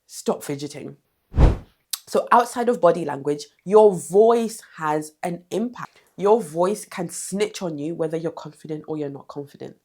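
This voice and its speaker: A woman's voice: lowish voice, moderate pace, darkish tone. A woman giving direct, emphatic confidence advice in a vlog, repeating short commands. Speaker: confidence coach.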